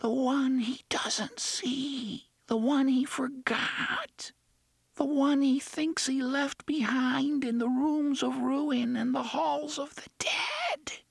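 A man voicing a very young, frightened child speaking from a train's intercom in a soft, mournful whisper. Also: very high-pitched, fairly even intonation, slow pace, gravelly, no room sound, voice pushed up, heavily acted. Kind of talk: audiobook character voice.

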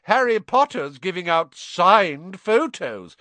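Man doing a scathing schoolboy bully, swooping pitch. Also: sing-song, slow, fairly bright tone, dry recording, heavily acted. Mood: loud, scathing. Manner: scathing, mocking, smirking. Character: sneering, spiteful schoolboy bully. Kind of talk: audiobook character voice.

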